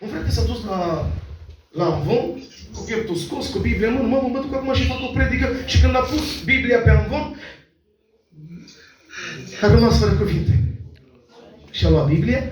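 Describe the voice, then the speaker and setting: A man preaching a fervent sermon, often breaking into shouts of praise. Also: high voice. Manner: fervent, with frequent call-outs of praise. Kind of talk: Pentecostal-style sermon. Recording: very echoey, distant mic in church.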